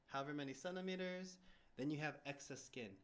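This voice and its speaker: A man co-hosting a casual home livestream with his partner, talking in a relaxed, rambling way while fiddling with the mic setup. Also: a little high, a little fast. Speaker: co-host, the host's partner. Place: room at home.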